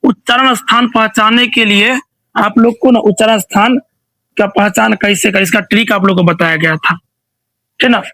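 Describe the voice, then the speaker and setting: A man's voice: high voice, fairly even intonation, normal speed, sharp tone, dry recording, low-quality recording. A male teacher running an online revision quiz, asking each question again and again and prompting students to answer.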